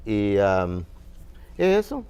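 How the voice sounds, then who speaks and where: A man from Finland on a panel, explaining music history in a halting, searching way with many fillers. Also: fairly low pitch, huge pitch swings, darkish tone, clean tone, highs cut off. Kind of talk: panel discussion.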